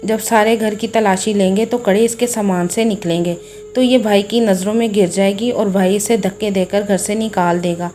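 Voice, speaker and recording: A woman's voice: mid-range voice, steady tone, moderate pace, dark tone, soft background music, close to an everyday voice. A woman voicing a spiteful, spoiled young sister-in-law who mocks, in a storybook tale. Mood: scheming. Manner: spiteful, mocking.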